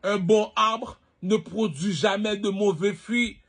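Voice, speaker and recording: Man from Haiti, high-pitched, rambling preachy monologue, keeps asking the listener questions. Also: steady tone, slow, fairly bright tone. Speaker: online personality.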